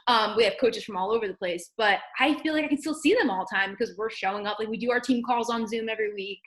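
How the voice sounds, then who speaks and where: A woman's voice: a little high, fast, fairly bright tone, rough recording. A woman from New Jersey hosting a video call as a fitness team leader, chatty and encouraging in a casual motivational talk.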